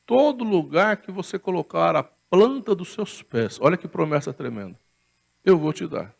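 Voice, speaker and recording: A man's voice: a little high, sing-song, normal speed, creaky. A Brazilian man preaching a sermon as pastor in a church, chatty and storytelling, often asking for agreement and laughing at his own anecdotes. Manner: conversational preaching, frequent tag questions, laughs at own stories.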